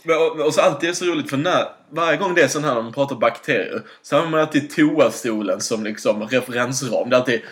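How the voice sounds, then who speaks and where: A man's voice: mid-range voice, few pauses, a bit bright. Rambling, laughing male podcast host. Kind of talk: casual chat. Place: kitchen table indoors.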